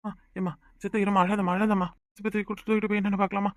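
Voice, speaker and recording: A woman plays a harried village husband in a cartoon, talking fast and bluntly in a Kanyakumari Tamil accent. The sound is dry and close. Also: medium pitch, flat delivery, dry recording, close to an everyday voice. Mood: alarmed.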